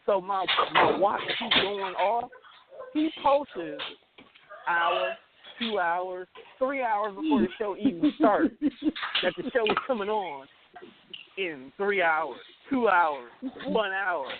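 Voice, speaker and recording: A man co-hosting a talk show chats casually in a high-pitched, expressive voice, taking his time. He's slangy and emphatic, repeating words to drive his point home. The sound comes over a tinny phone line with hiss and noise.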